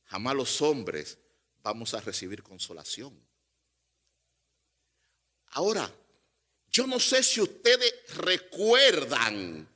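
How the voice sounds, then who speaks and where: A man's voice: on the high side, pushed and bright. A man preaching a sermon as pastor, pressing his points with emphatic rising repetitions.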